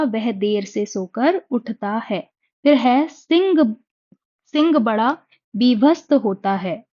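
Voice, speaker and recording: A woman teaching Hindi spelling and sentence correction for exams, patiently repeating each corrected sentence slowly. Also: a little high. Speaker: Hindi exam tutor. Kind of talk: explanatory exam-prep lesson. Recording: dull lo-fi recording.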